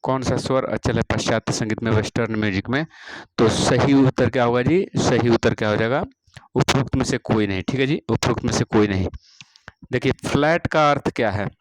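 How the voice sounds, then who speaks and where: A man teaching music, reading out practice exam questions and their answers one by one, repeating each question and adding a steady "all right" after each answer. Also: medium pitch, a little fast, background noise. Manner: repeats each question, fills with "theek hai ji".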